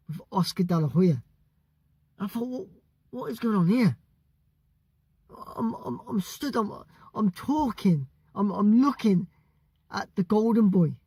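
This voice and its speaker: A British man from the UK telling a story casually, excitable and stumbling over his words. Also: high voice, breathy edge, no echo. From United Kingdom. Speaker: vlogger.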